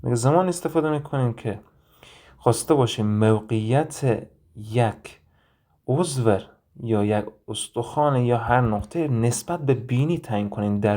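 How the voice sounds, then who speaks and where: Mellow-voiced man teaching anatomy. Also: mid-range voice. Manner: explains step by step, asking and answering his own questions; thinks aloud with frequent hesitation sounds. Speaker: anatomy instructor. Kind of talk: recorded lecture with drawing and reading.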